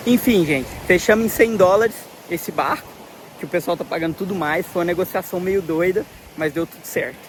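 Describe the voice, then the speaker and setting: A Brazilian man telling a travel story in a casual vlog, excited and full of slang, recorded outdoors by the sea on a handheld camera. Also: high-pitched, fairly quick, slight background noise. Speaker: travel vlogger.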